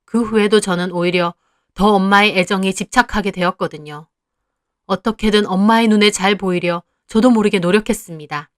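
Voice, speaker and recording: A woman's voice: medium pitch, moderate pace, no echo, clean studio sound. A woman narrating a confessional first-person story of her family.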